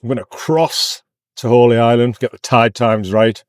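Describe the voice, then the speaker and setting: A man's voice: medium pitch, fairly even intonation, moderate pace, no room sound, clean studio sound. A middle-aged British man chatting casually and candidly to his phone in a car, rambling a little, his speech slightly off from a numbed mouth. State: mouth numb from dental anesthetic, talking slightly funny. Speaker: YouTube vlogger. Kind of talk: casual car chat to camera. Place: inside a car. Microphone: phone in windscreen holder.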